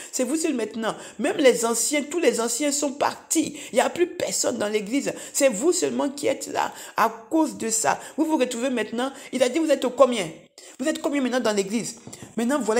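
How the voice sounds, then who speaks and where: A middle-aged woman giving a spoken church testimony, telling a vision in animated, repetitive storytelling and calling her listeners beloved. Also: fairly high pitch.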